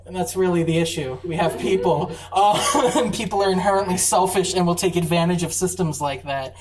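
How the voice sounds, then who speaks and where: A convention panel presenter giving a casual, chatty talk on film, full of fillers and quick laughs. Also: mid-range voice, a little mellow. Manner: enthusiastic, chatty, laughs often, many fillers. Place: university convention room. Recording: echoey room, far mic, faint hum.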